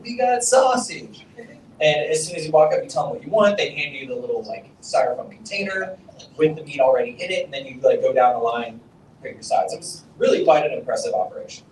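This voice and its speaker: On stage in a conference hall, a man gives a casual, profane, self-deprecating storytelling keynote at a summit, constantly using "like" and "okay?". His mid-range voice is a little mellow, but the audio is poor, roomy and distant, with slight background noise.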